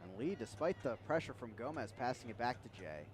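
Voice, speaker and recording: A soccer announcer with a mid-range voice calls live play-by-play, very animated and brisk. Crowd noise and outdoor stadium ambience fill the background.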